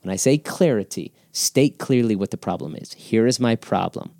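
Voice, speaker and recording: Earnest man with a lowish voice. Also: moderate pace, vocal fry, warm tone, no room sound, clean studio sound. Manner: earnest, emphatic, repeats words. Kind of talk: conversational teaching on conflict.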